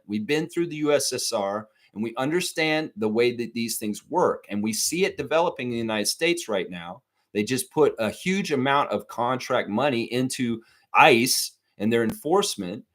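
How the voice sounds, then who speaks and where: A man's voice: mid-range voice, a bit bright. A man hosting a live sports talk stream, ranting heatedly and swearing a lot while speaking straight to his viewers. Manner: profane, heated, repetitive ranting; addresses viewers directly.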